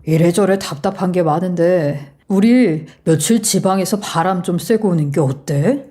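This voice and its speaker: A woman voicing a scheming husband who talks in a soft, falsely tender, coaxing way, in a narrated story. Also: lowish voice, a little slow, voice pushed down, natural voice. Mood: gentle coaxing. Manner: soft, coaxing, sweet-talking.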